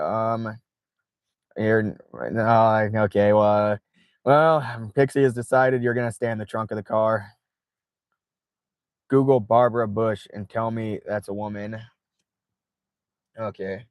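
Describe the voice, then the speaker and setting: A man's voice: lowish voice, clear, resonant tone, no room sound. A man hosting a casual late-night livestream from inside his car, reading viewer chat aloud, swearing freely and laughing often. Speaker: livestream host.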